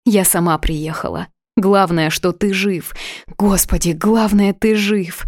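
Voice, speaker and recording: A woman's voice: medium pitch, steady tone, takes it slowly, a little mellow, dry recording, clean studio sound. A woman voicing a tearful, desperate young heroine. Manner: pleading, tearful.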